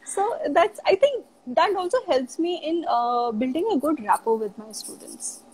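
A woman's voice: high voice, very animated, moderate pace, a little mellow, rough recording. A woman guest talking casually about travel and her teaching work, with lots of "you know" fillers. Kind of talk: casual live chat interview. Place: live video chat.

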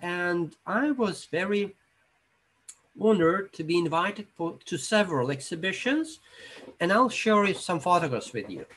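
Husky, higher-pitched Russian-accented man lecturing. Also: lively intonation, a bit bright, low-quality recording. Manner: halting, reflective, with non-native English phrasing. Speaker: iconographer giving a lecture. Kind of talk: informal illustrated lecture.

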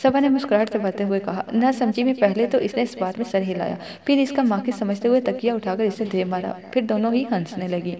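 A woman reading a novel aloud as audiobook narrator, with steady storytelling. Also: mid-range voice, hardly any pauses, crowd noise.

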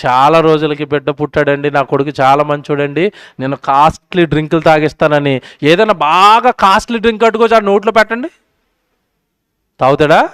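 Male preacher, high clear voice, questioning his crowd with a dry, close sound. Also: steady tone, fairly quick, dry recording. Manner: questioning the crowd, swinging between loud and soft. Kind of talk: sermon at a public meeting. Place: public meeting.

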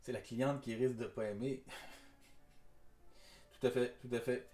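A man's voice: mid-range voice, steady tone, slow pace, dark tone, reverberant. Chatty French-born man streaming a craft lesson. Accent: mix of Parisian French and Québécois. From France. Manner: casual and chatty, repeats words while working, switches to simple English. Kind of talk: live-stream craft tutorial, reading chat aloud.

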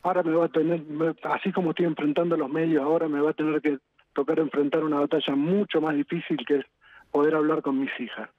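An Argentine man being interviewed on a news programme, distressed, halting and pleading, repeating himself. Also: a little high, level tone, no room sound. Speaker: politician interviewed as a guest. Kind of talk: live news phone interview. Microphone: phone call. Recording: tinny phone line.

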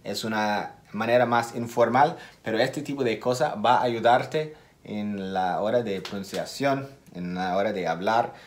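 Slow, deliberate man teaching a lesson. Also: on the low side. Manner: slow and deliberate, repeats key words; makes small slips in his Spanish. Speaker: English teacher. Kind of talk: casual video lesson.

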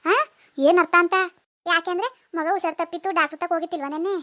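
A young mother explains herself patiently in a rural Kannada village dialect, voiced by a woman for a cartoon. Her voice is high and her words come quickly. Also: steady tone, sharp tone. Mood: explaining. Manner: pleading, explaining. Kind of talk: cartoon voice acting.

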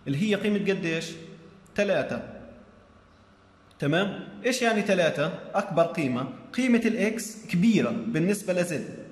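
A man giving a recorded engineering lecture, explaining step by step and checking that students follow. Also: high-pitched. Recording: echoey room with long reverb.

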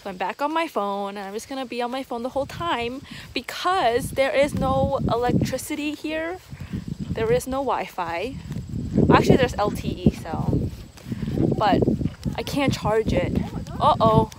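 Young woman, camping vlog, slow easy pace, slightly high voice, noisy outdoor phone sound. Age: young adult. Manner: chatty, relaxed, filler-heavy. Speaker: vlogger. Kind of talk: casual travel vlog. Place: outdoors at a rural campsite. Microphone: handheld camera or phone at arm's length.

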